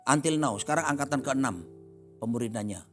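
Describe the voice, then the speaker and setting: A middle-aged man, a pastor, preaching a sermon with animated storytelling and acting out voices in the dialogue. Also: medium pitch, a little fast, soft background music.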